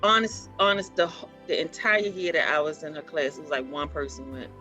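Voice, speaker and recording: A woman's voice: deep voice, steady tone, fairly quick, bright, forceful tone, soft background music. A middle-aged woman from Baltimore, chatting and reminiscing as an interview guest on a video call, with frequent ums and laughs. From Baltimore, USA. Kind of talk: conversational storytelling over a video call.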